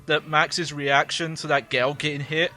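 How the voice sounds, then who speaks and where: A man's voice: fairly high pitch, little pitch movement, a little slow, bright, forceful tone, faint music behind. A man streaming a game and giving casual, rambling commentary, laughing often.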